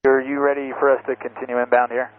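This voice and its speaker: A male pilot talking quickly and clipped through a cockpit headset over the air-band radio. His voice sits in an ordinary middle pitch, kept calm and matter-of-fact. The transmission sounds muffled and narrow, with a faint hiss underneath. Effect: pilot radio call through a cockpit headset. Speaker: airline pilot. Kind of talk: radio call to the tower.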